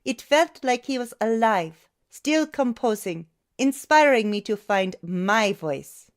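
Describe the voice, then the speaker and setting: A woman reading an audiobook, voicing a self-assured male conductor who grew up in Germany, in a measured way. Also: on the high side, expressive. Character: composer and orchestra conductor, man.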